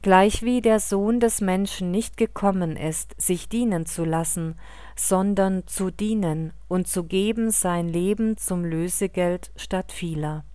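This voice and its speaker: A woman reading the words of a calm male teacher speaking to his followers, in a solemn, measured way. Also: high voice, clean tone, dry recording.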